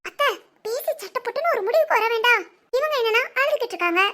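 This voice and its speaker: A woman's voice: very high-pitched, expressive, quick pace, bright, forceful tone, full character voice. A woman voicing a nosy, chatty young girl in a cartoon, cheeky and gossipy, with a southern Tamil Nadu accent.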